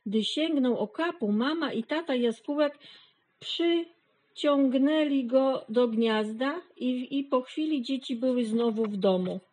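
A woman narrating a children's storybook in a gentle, measured way. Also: high-pitched.

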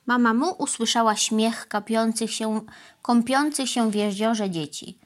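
A woman reads a children's storybook aloud in a gentle, even telling. Her voice is high and light. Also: measured pace. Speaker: narrator.

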